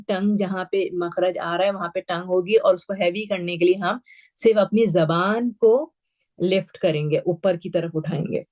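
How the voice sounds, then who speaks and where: A woman teaching Quran recitation, patiently explaining letter sounds and repeating each one slowly for her pupils, with English words mixed into her Urdu. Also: medium pitch, darkish tone, muffled recording. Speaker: tajweed teacher. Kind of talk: online class instruction.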